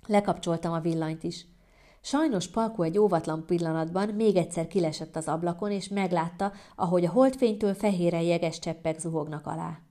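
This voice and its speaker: A woman's voice: fairly low pitch, dark tone. A woman narrating a humorous first-person story as an audiobook.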